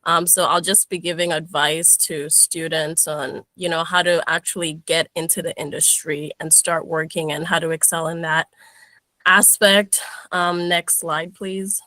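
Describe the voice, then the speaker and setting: Young woman, from Kenya, guest speaker, video call, bright forceful tone, dry sound, many ums. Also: deep voice, little pitch movement, measured pace, no echo. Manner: upbeat, with frequent "um"s and restarts. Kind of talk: webinar presentation.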